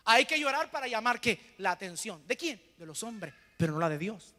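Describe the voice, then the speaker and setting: Male pastor with a high, bright, forceful voice, preaching in call-and-response style and moving between hushes and loud bursts, in a long-echoing hall. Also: very animated. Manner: preaching with rhetorical questions and call-and-response pauses. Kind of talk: sermon.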